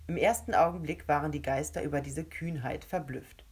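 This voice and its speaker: A woman narrates a children's storybook in a calm, even reading voice. Her tone is low and slightly husky, and she paces the story steadily. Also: fairly quick.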